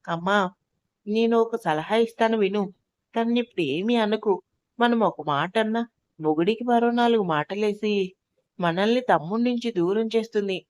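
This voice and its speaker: A woman's voice: medium pitch, moderate pace, no room sound. A woman narrating a family drama story, voicing the quarrelling relatives herself. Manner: acts out quarrelling family members in her own voice.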